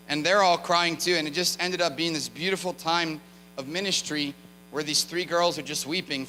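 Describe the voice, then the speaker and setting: A man preaching from a church platform, his bright voice sitting a little high. He tells his story in a chatty, lively way and often turns to the congregation with asides. The sound rings with long church reverb over a faint electrical hum. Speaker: guest preacher. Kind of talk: sermon with storytelling. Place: church sanctuary.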